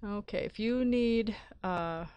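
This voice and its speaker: A woman narrating a screencast software tutorial as an IT support instructor, explaining methodically step by step. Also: medium pitch, slow pace, smooth, no room sound. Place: close, dry voice-over for a screen recording.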